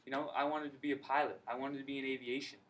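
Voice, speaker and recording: A young man giving an energetic, slangy personal testimony at a recruiting meeting in a college room. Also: medium pitch, quick pace. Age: young adult. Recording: distant mic, faint background noise.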